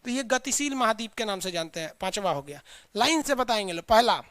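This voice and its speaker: A man's voice: sits high, expressive, a little fast, a bit bright, dry recording. Man drilling a class in a dry room. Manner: drills students with repeated call-and-response lists; colloquial, chiding asides to students. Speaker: teacher. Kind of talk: live online class lecture.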